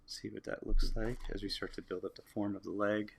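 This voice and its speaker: A lowish, gravelly American male voice talks casually as he works on a drawing. He muses aloud and answers viewers' comments in a relaxed, easygoing way. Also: a little fast, a little hiss or hum. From United States. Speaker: artist livestreaming a drawing.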